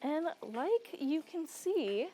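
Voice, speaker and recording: Her high, sing-song voice moves very slowly over background music, and the recording quality is low. She's a young woman from Serbia hosting a cooking show on a studio kitchen set, chatting casually, laughing a lot, and drifting into family stories while cooking.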